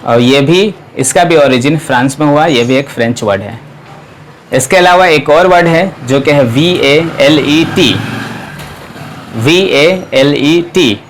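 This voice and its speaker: A man teaching English pronunciation, spelling out words letter by letter and repeating them slowly. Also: a little high, animated, slight background noise. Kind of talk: pronunciation lesson.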